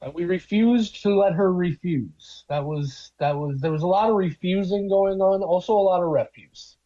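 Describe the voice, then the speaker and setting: A male podcast host chats and jokes with his co-hosts in a mellow, slightly high voice. His audio is muffled and tinny, as if he were talking over an old telephone. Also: normal speed. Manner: joking, playful. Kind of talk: casual group chat. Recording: muffled tin-can phone-like audio.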